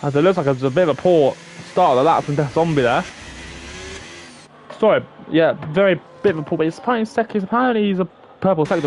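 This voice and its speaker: A young man with a slightly high, slightly mellow voice gives live, chatty commentary on an online racing league, thinking aloud and addressing viewers. It's live esports race commentary, with slight background noise.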